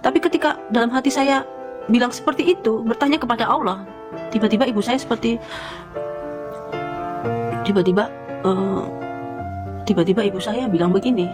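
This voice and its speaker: A woman's voice: on the high side, moderate pace, long pauses. A woman giving a personal testimony as a religious convert, speaking hesitantly with many fillers and repeated phrases. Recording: background music under the voice.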